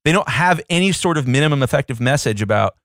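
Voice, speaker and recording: A man's voice: mid-range voice, lively intonation, quick pace, fairly bright tone, no room sound, clean studio sound. A man co-hosting a casual podcast, playful and fond of putting on silly voices. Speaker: podcast co-host.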